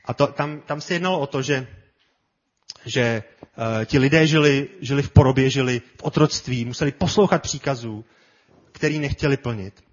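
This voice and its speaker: A man preaching a sermon with passion, often repeating his words and building to loud cries. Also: medium pitch, muffled recording. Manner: impassioned, repetitive, builds to shouts.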